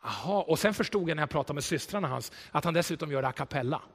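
A man preaching a sermon in a church, telling stories with animation, swelling loud for emphasis and then dropping quiet. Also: fairly high pitch, expressive, long reverb tail. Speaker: pastor.

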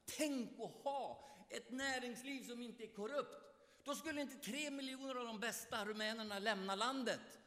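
A man preaching a sermon, emphatic, with loud outbursts and quiet asides. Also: very high-pitched, long reverb tail.

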